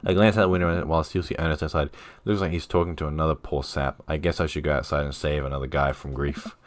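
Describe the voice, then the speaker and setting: Very deep-voiced man reading a dating sim. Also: steady tone. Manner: playful, jokey, does quick character voices. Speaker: streamer playing a dating sim. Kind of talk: reading game dialogue aloud with commentary.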